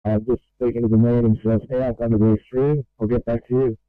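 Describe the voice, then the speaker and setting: Australian dispatcher over a tinny radio. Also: male voice, mid-range voice, little pitch movement, fairly quick, clear, resonant tone, no room sound. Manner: clipped, procedural radio codes. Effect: heard over a two-way radio. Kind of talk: radio call.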